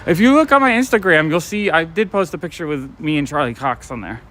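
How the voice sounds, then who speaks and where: At night on city streets, a man talks into the phone in his hand, swapping stories and replying to live chat in a chatty way. He's a vlogger and comic shop owner with a fairly high, fairly bright voice, lively intonation and a slightly fast pace. Traffic and light street noise sit in the background.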